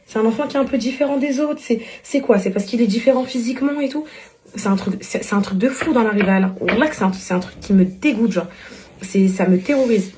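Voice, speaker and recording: A young mother vlogging casually at home, rambling and animated with many restarts, and cooing affectionately to her children. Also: fairly high pitch, a little fast. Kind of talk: casual vlog chat to viewers. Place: home with kitchen. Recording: echoey room with background noise.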